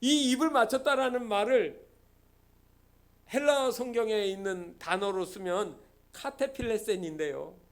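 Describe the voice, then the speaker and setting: A man with a strikingly high voice delivers a sermon in an animated storytelling manner. He moves between soft, low-key stretches and loud, emphatic climaxes. Now and then he slips into the voices of the people in his stories. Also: measured pace. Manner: storytelling, swings from quiet to loud emphatic peaks; acts out quoted characters in short dialogue. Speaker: pastor.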